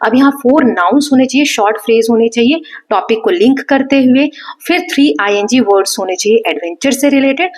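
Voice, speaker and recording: A woman teaches a school lesson with an Indian accent. Her voice sits a little high. She goes slowly through each rule, repeats it, and keeps checking that the students follow. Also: animated, a little mellow. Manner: patient and repetitive, checks in with "है ना". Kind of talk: explaining a textbook lesson in Hindi mixed with English.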